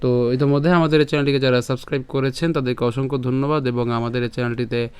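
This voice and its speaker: A man with a smooth, resonant voice and a Bengali accent leads a pronunciation lesson on sacred verse. He breaks each line into syllables and repeats it patiently, at a measured teaching pace, in a middle-pitched voice. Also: fairly even intonation, darkish tone. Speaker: Gita recitation teacher.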